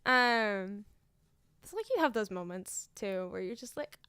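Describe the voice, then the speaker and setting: Chatty young woman, smooth voice. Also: mid-range voice, lively intonation, measured pace, a bit bright, dry recording, clean studio sound. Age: young adult. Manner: chatty storyteller, laughing often, lots of fillers. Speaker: streamer and student teacher. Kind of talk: casual chat.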